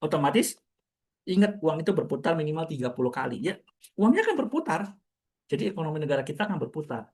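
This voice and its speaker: A man talks through market ideas in relaxed conversation, throwing out questions and answering them himself. His voice sits somewhat higher than most men's and his words come quickly. He sounds like a commentator addressing a room of listeners. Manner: chatty, explaining with rhetorical questions. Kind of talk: casual market talk to an audience.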